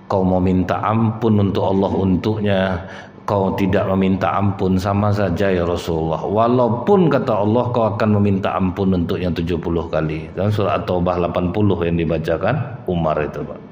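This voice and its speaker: Preacher in an echoing hall. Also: male voice, low-pitched, moderate pace, darkish tone. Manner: storytelling, addresses listeners as Pak and Bu. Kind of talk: sermon. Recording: roomy, dull hall recording.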